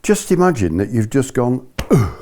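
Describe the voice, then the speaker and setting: A man's voice: on the low side, lively intonation, moderate pace, dark tone, slight background noise. A British man giving an informal spoken lesson as a ski instructor, chatty and explanatory, checking in with his listeners.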